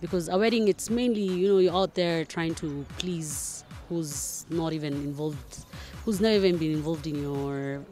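A woman's voice: deep voice, moderate pace, few pauses, warm tone, soft background music. A young woman, a student answering a street interview outdoors into a handheld mic, thoughtful with many fillers. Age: young adult. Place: outdoors among plants.

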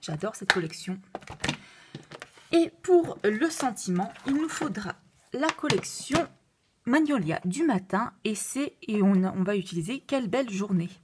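A woman with a noticeable foreign accent, walking through a craft tutorial with many fillers and self-corrections, at times dropping to a soft whisper. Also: medium pitch, animated, a little slow, background noise. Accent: non-native French accent. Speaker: card-making demonstrator.

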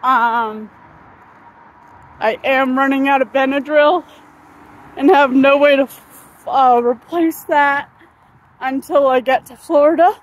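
A woman in her thirties with a high voice films herself on a phone while walking through a sunny park. She talks slowly and wanders from thought to thought, filling gaps with ums and uhs. She has the hiccups as she goes. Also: steady tone, muffled recording. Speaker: vlogger. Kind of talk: casual walking vlog. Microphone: phone held at arm's length.

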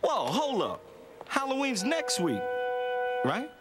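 Cocky, high-voiced young agent. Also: male voice, wildly swooping pitch, takes it slowly, over loud music, exaggerated voice. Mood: playful. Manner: streetwise, slangy, cocky. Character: brash, wisecracking young male secret agent. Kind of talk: animated series voice acting.

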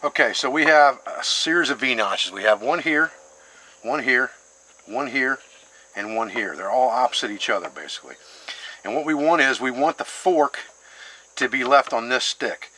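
A middle-aged man with a medium-pitched, sharp-toned voice teaches bushcraft outside, carving a stick on a wooden board. He explains each step plainly in this hands-on demonstration, recorded at low quality.

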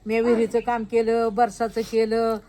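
A woman's voice: fairly high pitch, completely flat delivery, moderate pace, mellow. An older woman chatting casually, full of earthy old sayings. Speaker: village elder being interviewed. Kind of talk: casual chat.

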